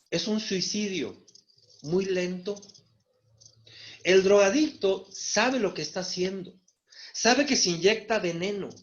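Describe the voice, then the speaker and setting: A man preaching a sermon, calling his listeners brothers and acting out the words of biblical figures. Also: sits high. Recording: dull lo-fi sound.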